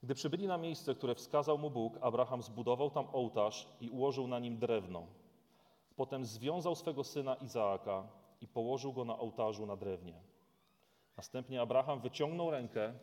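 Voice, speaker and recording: A man's voice: mid-range voice, normal speed, darkish tone. A man preaching a sermon, retelling a scripture story in a dramatic storytelling way. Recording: long reverb of a large hall.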